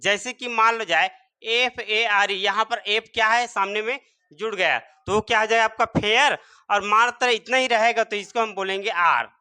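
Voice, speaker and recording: This is a classroom-style lesson where a man spells out English words letter by letter and demonstrates pronunciation. He repeats rhetorical questions and supplies the answers himself. His voice sits high and is smooth, with a sharp tone and a moderate pace.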